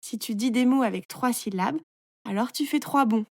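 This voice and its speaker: Woman as wise caterpillar referee, storybook, calm, patient, fairly high, dry close sound. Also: moderate pace, no echo.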